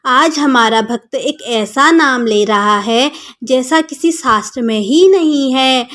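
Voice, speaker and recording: A woman voicing a kindly, amused male god in a devotional story, explaining gently. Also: sits high, slow. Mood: gentle.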